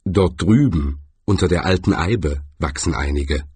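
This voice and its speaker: A troll hiding as a stone in a storybook, calm, chatty and matter-of-fact, set somewhat lower than the reader's own voice, as a male narrator puts him on. The tone stays husky and close. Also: measured pace, no room sound, exaggerated voice. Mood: deadpan.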